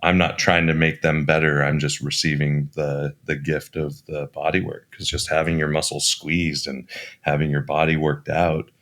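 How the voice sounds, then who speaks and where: A man talking as a podcast guest, a bodyworker who explains his craft in a calm, reflective way. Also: very deep voice, normal speed. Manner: calm, reflective, laughs easily. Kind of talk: casual conversation.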